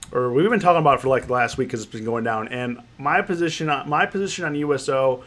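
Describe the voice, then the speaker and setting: His voice is medium-pitched and fairly bright, moving at a fairly quick clip, though a cold leaves it stuffy and nasal. He hosts an options trading livestream, chatting casually, reading chat, rambling, repeating phrases, and calling out viewers by name.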